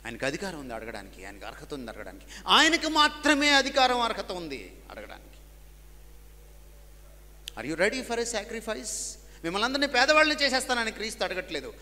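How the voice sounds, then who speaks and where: A man preaching a sermon, swinging between loud emphatic peaks and low quiet drops, and mixing English lines into his preaching. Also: lively intonation, brisk, long pauses. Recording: long hall reverb.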